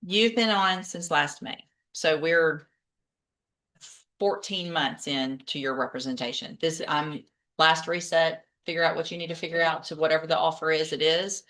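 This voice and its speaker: A woman's voice: deep voice, fairly even intonation, normal speed, a bit bright. Firm woman judge on the bench. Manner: firm, directive. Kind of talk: courtroom hearing. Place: courtroom.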